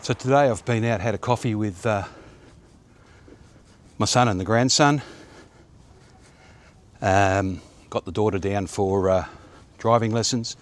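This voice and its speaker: With a lowish voice, a measured pace and long pauses, an Australian man in his fifties vlogs as he walks a quiet, sunny suburban street. His talk is rambling and chatty, full of fillers, captured by a phone or action camera held at arm's length.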